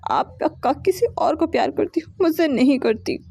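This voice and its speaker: A woman's voice: sits high, moderate pace, gravelly, mellow, dry recording. A woman narrating an audio story, voicing a clingy pregnant young wife who talks through tears. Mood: tearful. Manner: tearful, pleading.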